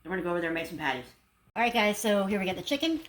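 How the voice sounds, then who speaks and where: A woman's voice: medium pitch, very animated, very fast. A woman food vlogger talking casually through what she is cooking. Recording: faint kitchen noise, frying sizzle.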